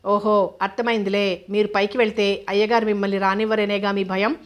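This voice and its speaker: A woman's voice: medium pitch, little pitch movement, quick pace, natural voice. A woman voicing a nosy, cheeky housemaid who talks in a rustic colloquial way.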